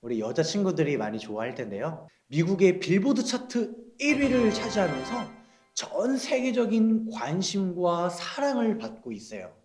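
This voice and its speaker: Young male children's pastor, gentle questioning tone, lively and high pitch, roomy echo. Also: normal speed, music in the background. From South Korea. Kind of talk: children's sermon.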